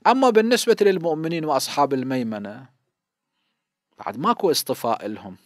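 A man's voice: on the high side, expressive, fast, no echo, clean studio sound. A man in his fifties with an Iraqi Arabic accent, a cleric giving a seminary lesson on hadith, explaining patiently and posing questions he then answers himself. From Iraq. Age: 50s.

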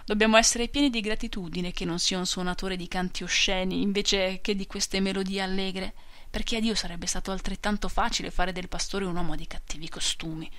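A woman's voice: mid-range voice, fairly bright tone, dry recording, lightly acted. A woman voicing a timid, pious village man who speaks in a honeyed, sanctimonious way.

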